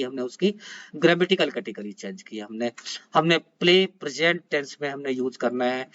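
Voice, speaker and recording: A man's voice: mid-range voice, a bit bright. A man teaching an exam-prep lecture, switching between Hindi and English, with many hesitations and self-corrections. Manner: mixes Hindi and English, frequent hesitations and restarts. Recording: dull lo-fi sound.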